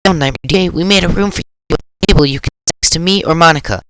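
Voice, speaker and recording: A man's voice: on the high side, fast, noisy background, voice pushed up, close to an everyday voice. A man voicing a cheerful, bubbly teenage girl who talks eagerly in a visual novel reading.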